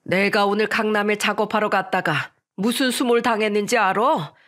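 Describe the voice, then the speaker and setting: A woman voicing a middle-aged working father who talks slowly and loudly with indignation, in a narrated radio story. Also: on the high side, lightly acted. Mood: angry.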